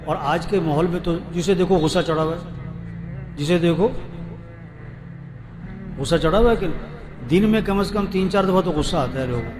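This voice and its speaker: With music playing behind him, a man with a Pakistani Urdu accent preaches to a seated congregation. His voice runs high and he leaves long pauses, repeating rhetorical questions so the audience can answer in call-and-response fashion.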